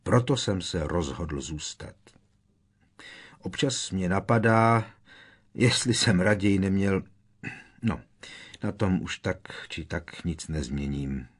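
A man voicing a sorrowful old gentleman ghost who speaks quietly and hesitantly in an audiobook. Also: sits low, expressive, pauses often, husky. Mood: mournful. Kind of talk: audiobook character reading.

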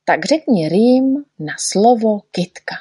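A woman's voice: mid-range voice, lively intonation, dark tone, husky, dry recording, clean studio sound. A woman voicing a fussy little male poet in a storybook reading, patiently explaining and correcting. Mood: lecturing.

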